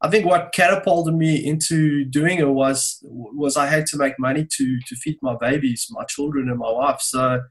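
A man's voice: on the high side, fairly even intonation, normal speed, few pauses, low-quality recording. Chatty South African man in his forties. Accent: South African, Johannesburg English. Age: 40s. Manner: chatty storyteller, laughs easily. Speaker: guest music producer. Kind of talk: casual podcast conversation.

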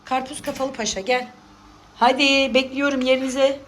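A woman's voice: high voice, level tone, moderate pace, slight background noise. A woman vlogging at home, coaxing and teasing her pet cat and scolding it playfully in casual pet talk.

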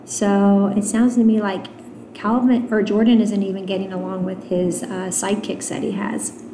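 A woman teacher reading a novel aloud to her students, stopping for gentle explanatory asides with fillers. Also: mid-range voice, level tone, moderate pace, background noise. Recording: roomy echo.

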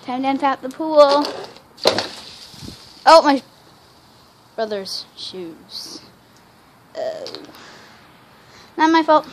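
A female voice narrating a toy role-play vlog, excitable and given to squealing cheers. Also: high-pitched, slow pace, pauses often, a little hiss or hum. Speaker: toy video maker.

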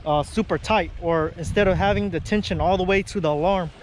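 A man in his thirties talking casually to an action camera on a lakeshore, explaining his fishing between bursts of excitement. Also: sits high, brisk, a little hiss or hum. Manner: relaxed, chatty, breaks into excited exclamations. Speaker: fishing vlogger. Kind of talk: casual outdoor vlog narration. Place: lakeshore outdoors. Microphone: action camera on body.

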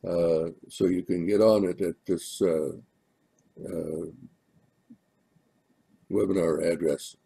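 An older minister giving church announcements in a hesitant way, with many pauses and fillers. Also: male voice, deep voice, steady tone, vocal fry, warm tone, breathy edge. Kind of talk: sermon announcements.

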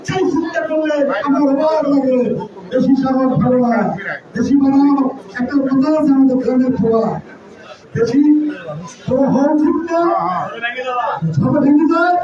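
An older man from Bangladesh giving a fiery, shouted political rally speech into a handheld mic in a crowded indoor party office. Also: very high voice. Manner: fiery, repetitive slogans. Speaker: political speaker. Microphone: handheld mic, filmed from far. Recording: echoey hall, far off, dull, crowd.

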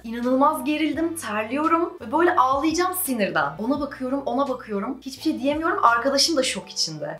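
Woman vlogger, casual storytime, a touch high, animated retelling, roomy echo. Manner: animated retelling, acting out quoted dialogue. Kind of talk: casual storytime chat to camera.

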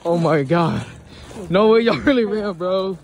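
A young man vlogging a road trip with friends, talking in excited, slangy banter and laughing a lot. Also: sits high, unhurried, noisy background. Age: young adult. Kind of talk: casual road trip vlog.

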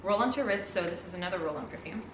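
A woman who speaks English as a second language, chatting casually as she unboxes products, reads labels aloud and swears with excitement. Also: fairly low pitch, rapid-fire, echoey room, distant mic, background noise. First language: not English. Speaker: vlogger reviewing products.

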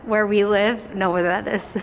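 A woman in her twenties chatting casually to a handheld camera in a vlog, upbeat and talkative with quick asides. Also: medium pitch, steady tone, slight background noise. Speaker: vlogger. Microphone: phone or camera held at arm's length.

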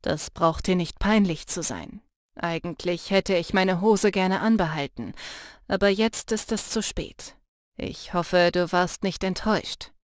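A woman's voice: measured pace, no room sound, studio quality, lightly acted. A woman voicing an intense, protective young male shapeshifter in an audiobook, earnest and urging. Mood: teasing. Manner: low, earnest and urging, soft when teasing. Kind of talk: audiobook character voice.

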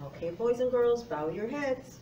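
A woman's voice: fairly high pitch, expressive, normal speed, dark tone, muffled recording. Woman teacher talking to little kids, encouraging, roomy classroom, bit distant with faint noise. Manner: encouraging, addresses young children directly. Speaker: phonics teacher. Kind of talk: children's lesson presentation. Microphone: far camera.

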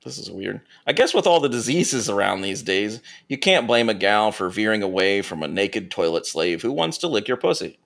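A man co-hosting a comedy podcast, reading erotica aloud with deadpan asides and casual chat. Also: on the low side, moderate pace, gravelly, few pauses. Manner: deadpan asides between read passages. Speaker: podcast co-host reading stories.

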